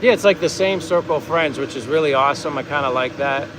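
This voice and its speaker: An American man with a fairly high-pitched voice talks fast over a noisy background. Hosting a casual vlog in a livestream-chat style, he rambles in an easygoing way while reading out viewer comments.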